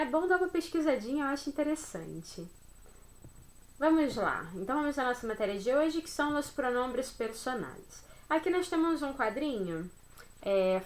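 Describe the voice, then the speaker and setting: Recording an online class over slides, a Brazilian Spanish teacher speaks with a Brazilian Portuguese accent in a voice on the high side. She's chatty and friendly, often asking "né?" and "beleza?" to check in.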